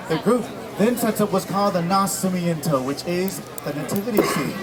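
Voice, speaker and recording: A stately wise king, played by a man, tells a holiday tale in a high, declamatory voice. The delivery is theatrical and solemn, set against outdoor crowd noise. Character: stately Balthazar, one of the Three Kings. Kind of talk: theatrical live storytelling.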